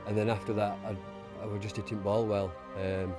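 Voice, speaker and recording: A man giving a halting, plain-spoken interview as an amateur golfer. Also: on the low side, little pitch movement, over loud music. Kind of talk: casual post-round interview.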